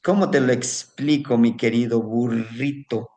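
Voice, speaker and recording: A man's voice: mid-range voice, fairly even intonation, a little slow, a little mellow, pitched below the performer's own voice, lightly acted. Man doing a vain pet pig in a folk tale. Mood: smug. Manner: pleading shrilly when caught. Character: smug vain pet pig, male, young.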